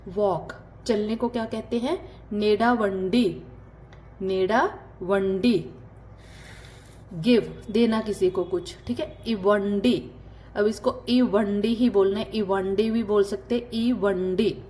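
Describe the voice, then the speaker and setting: A woman from Punjab teaching a spoken language lesson. She explains patiently with hesitant fillers and slowly repeats each word for learners. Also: mid-range voice, mellow, slight background noise. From Punjab, India. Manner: slow, repeats words for learners.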